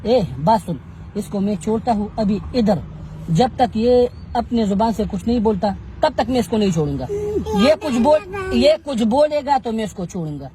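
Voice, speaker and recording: A man's voice: sits high, lively intonation, normal speed. Brief: man, wheedling street interviewer, traffic hum behind. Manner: pleading, wheedling, mock-tearful. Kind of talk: coaxing street confrontation.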